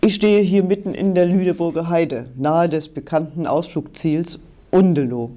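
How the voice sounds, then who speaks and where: A man's voice: fairly high pitch, steady tone, normal speed, warm tone, close to an everyday voice. A man reading the part of a female TV reporter who speaks formally to the camera. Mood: reporting. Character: composed adult female TV reporter at a crash site.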